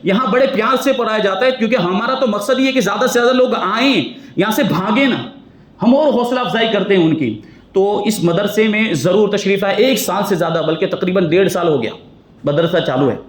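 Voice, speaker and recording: An earnest male mufti teaches Quran commentary in a mosque, pressing his listeners with question after question. His voice sits high. The hall gives it a roomy echo.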